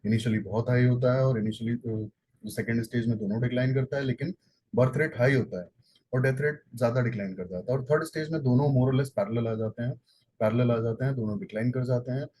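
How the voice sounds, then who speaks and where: A man's voice: mid-range voice, brisk, warm tone, slightly rough, poor audio. A man with an Indian accent teaching an exam-prep lecture, explaining step by step, repeating points and correcting himself with fillers. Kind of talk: exam-prep lecture in Hindi-English mix.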